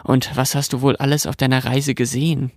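A man's voice: medium pitch, flat delivery, fairly quick, no echo, clean studio sound, close to an everyday voice. A man reading aloud, voicing an impatient, curious little girl who talks in an eager, pleading way. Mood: wistful.

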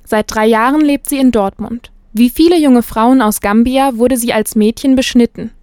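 A woman radio reporter reading a scripted narration in a measured, factual way. Her voice sits a little high, and the booth sound is dry and close. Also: a little mellow, no echo.

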